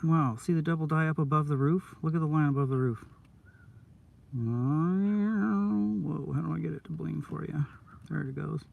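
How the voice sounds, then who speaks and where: Excitable, gravelly-voiced man rambling live. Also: a little high, moderate pace, far from the mic, muffled recording. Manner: rambling, excitable, lots of "dude" and "oh my God". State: stoned. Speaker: coin roll hunter streaming live. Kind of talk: casual live-stream chat. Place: in a van.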